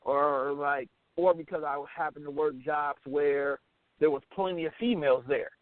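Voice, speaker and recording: He's a middle-aged American radio host whose fairly high voice holds a steady tone at a moderate pace. Candid and casual, he speaks bluntly and emphatically, often saying things twice. The dry recording sounds tinny and band-limited, like a phone.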